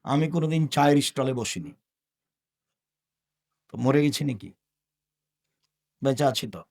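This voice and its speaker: A man's voice: mid-range voice, a little slow, gravelly, a little mellow. An older man from Bangladesh preaching a sermon, scolding his listeners with rhetorical questions that rise suddenly in force. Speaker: Islamic preacher.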